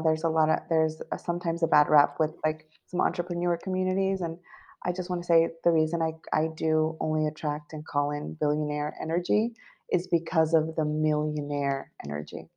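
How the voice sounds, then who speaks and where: A woman with a low, gravelly voice speaks in an even, steady tone and sounds sure of herself. She talks with confident, spiritual conviction as a podcast guest. The sound is dull and lo-fi. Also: a little fast. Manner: confident, assured, spiritual phrasing. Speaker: guest, business coach. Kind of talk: podcast interview.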